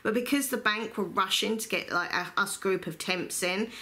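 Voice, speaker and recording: A woman's voice: mid-range voice, moderate pace, sharp tone. An English woman telling a personal story in a casual, chatty way, with a gossipy, rambling, self-deprecating manner. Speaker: YouTube storyteller and host.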